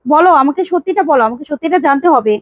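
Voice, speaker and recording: A woman's voice: sits high, lively intonation, racing, no room sound, rough recording. A woman voicing a grieving, stern middle-aged father who laments and demands the truth.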